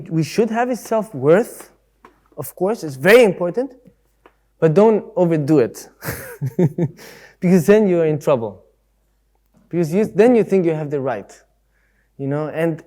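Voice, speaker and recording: Man giving a relaxed Buddhist talk. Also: fairly high pitch. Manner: conversational, leans on everyday examples; acts out voices in quotes. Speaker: speaker at a Buddhist centre. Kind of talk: casual spoken Dharma talk.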